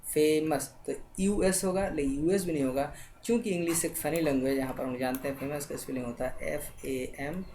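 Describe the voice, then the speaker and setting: A woman's voice: low-pitched, fairly even intonation, warm tone, a little hiss or hum. A woman teaching spelling, sounding out words letter by letter and often checking in with her listeners. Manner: slow letter-by-letter spelling, checks in with "thik hai". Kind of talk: spelling lesson.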